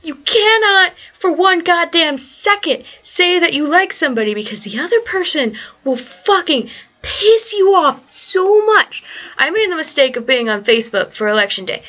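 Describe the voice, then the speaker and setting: A young woman with a bright, fairly high voice rants her way through a late-night survey vlog, swearing freely and peppering her talk with "like." She sounds groggy and blunt, and the lo-fi webcam audio has a dull, muffled edge. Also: big pitch swings, normal speed, few pauses. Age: young adult. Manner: frequent cursing, blunt and ranty; valley-girl fillers like "like". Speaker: vlogger answering a survey. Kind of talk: casual rambling survey vlog.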